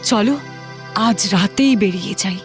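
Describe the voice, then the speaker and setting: A woman voicing a poor farmer's steadfast, reassuring wife in a cartoon, coaxing gently but firmly. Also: mid-range voice, a little slow, soft background music, close to an everyday voice. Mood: gently resolute. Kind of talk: cartoon dialogue.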